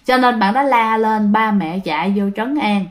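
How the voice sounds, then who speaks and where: A woman's voice: medium pitch, normal speed. A woman with a Southern Vietnamese accent casually telling a ghost story, chatting straight to her listeners with lots of fillers. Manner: chatty, addresses listeners directly, many fillers.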